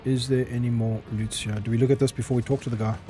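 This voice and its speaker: This is a man with an ordinary mid-range voice, hosting a game playthrough. He reads the narration and characters' lines aloud at a measured pace, then slips back into loose, casual remarks, correcting his own pronunciation as he goes. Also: medium pitch, flat delivery, dark tone. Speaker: gaming channel host. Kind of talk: let's play commentary and reading game text aloud.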